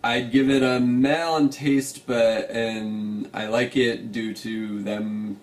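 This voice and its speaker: A man's voice: medium pitch, flat delivery, slow, recorded from a distance, soft background music. A young adult man chatting casually as a co-reviewer in a room at home. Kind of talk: casual chat. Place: small room at home, on a couch. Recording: echoey, noisy room recording.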